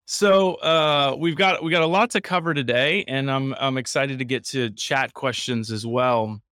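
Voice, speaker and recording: A man's voice: mid-range voice, normal speed, a bit bright, smooth, no room sound, studio quality. Eager podcast host man. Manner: eager, restarts often. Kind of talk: casual podcast interview.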